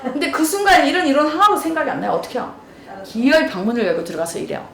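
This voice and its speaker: A woman lecturer talks quickly and keeps throwing questions at her listeners. Her voice sits a little high. She sounds far from the mic in a roomy hall. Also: expressive, gravelly. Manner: storytelling, asks the audience questions. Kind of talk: lively lecture with acted dialogue.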